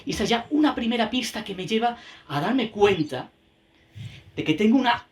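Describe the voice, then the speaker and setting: A man's voice: high-pitched, expressive, moderate pace. A man teaching music educators in an online session, thinking aloud with many tag questions and repeated words, and chanting rhythm syllables to show the beat. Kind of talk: online teacher-training talk. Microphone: video call.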